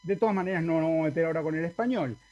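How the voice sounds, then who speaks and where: Speaking very fast in a slightly high, darkish voice, a male Latin professor with an Argentine Spanish accent explains things in an online video-call lecture, and the audio sounds dull. He regularly checks with students for confirmation.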